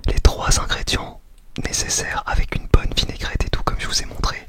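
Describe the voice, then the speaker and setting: A man whispering very close, right in the ear, as he narrates a food ASMR video, often repeating words and phrases for emphasis. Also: moderate pace.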